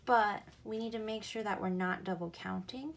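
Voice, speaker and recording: A woman's voice: medium pitch, normal speed, vocal fry. A woman teaching a recorded math lesson, explaining patiently and going back over each key point.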